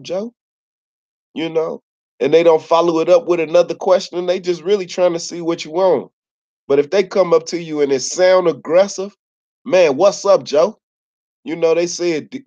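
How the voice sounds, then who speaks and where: Fairly high-pitched and a little mellow, this man's voice carries a Chicago accent; he's a Chicago YouTuber telling stories to camera. He's relaxed and slangy, repeatedly dropping "you know what I'm saying," on a slightly dull lo-fi recording.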